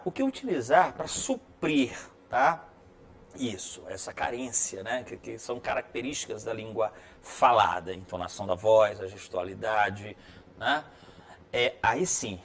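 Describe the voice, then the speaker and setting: A man with a Brazilian accent delivers a video lesson on writing in a friendly, encouraging way. His voice sits at an ordinary middle pitch. He keeps tagging his sentences with quick checks to make sure the students are following. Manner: peppers sentences with checking tags like "right?". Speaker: writing teacher.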